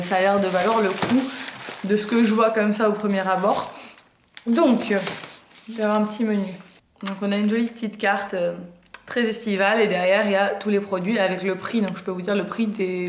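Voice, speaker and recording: A woman's voice: mid-range voice, reverberant, noisy background. A woman in her twenties chatting casually through a beauty box unboxing, hesitant with frequent fillers and self-mocking jokes. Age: 20s. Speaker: beauty vlogger.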